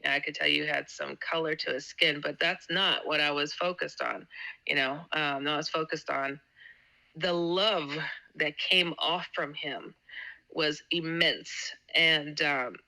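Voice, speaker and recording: A woman's voice: deep voice, steady tone, a little slow, vocal fry, bright, forceful tone, rough recording. A woman guest telling a personal story in a casual interview, stammering and repeating words as she acts out quotes. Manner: laughs often between sentences. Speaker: guest author.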